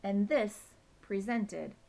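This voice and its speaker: Woman reader, gravelly texture, storytelling narration of a kids' chapter book with friendly asides. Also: mid-range voice, extremely slow, dark tone. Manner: chatty, adds playful comments to the listener. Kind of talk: reading a children's book aloud with asides.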